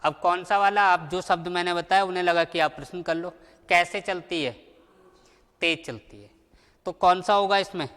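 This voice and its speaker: A man teaching a grammar lesson, who asks questions and answers them himself and slowly repeats the key words. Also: high-pitched, fairly even intonation, a bit bright, clear, resonant tone, big-room sound.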